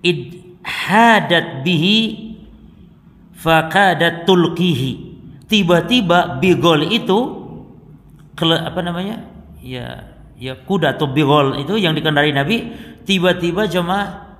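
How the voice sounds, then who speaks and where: A male religious teacher with a slightly high voice, reciting Arabic passages and explaining them to his congregation. His voice echoes with a long reverb through a large hall. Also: animated, moderate pace, long pauses, a bit bright. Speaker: Islamic teacher. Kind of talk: religious study lesson.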